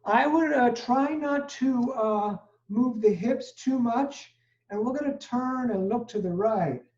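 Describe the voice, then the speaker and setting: Talking through the flow of a live class leaves this yoga instructor a bit out of breath as poses and breathing cues come one step at a time. The voice sits in the mid-range and is slow and somewhat mellow, heard from a distance in dull, roomy audio.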